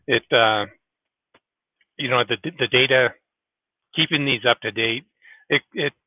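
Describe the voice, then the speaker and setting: A man speaking as a technical architect in a casual panel discussion over a video call, halting with many restarts. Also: mid-range voice, steady tone, no room sound. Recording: tinny video call audio.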